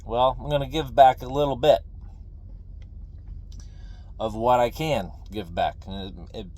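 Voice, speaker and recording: A middle-aged man talking casually and ramblingly to viewers, folksy and opinionated, halting and repeating phrases for emphasis. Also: mid-range voice, warm tone. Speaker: video creator, veteran pipe smoker. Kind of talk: casual rambling talk to camera.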